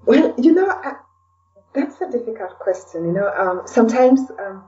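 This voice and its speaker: Her voice is mellow and fairly high, swinging widely in pitch at a moderate pace. She's a middle-aged Kenyan blogger and podcaster appearing as a guest, reflecting hesitantly on interview questions with plenty of "you know," recorded through a distant mic in dull, lo-fi quality.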